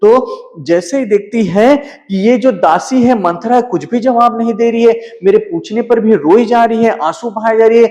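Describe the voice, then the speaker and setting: A male teacher giving a literature lecture, reciting verses slowly and then explaining them with frequent checking asides. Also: very high voice, a little mellow.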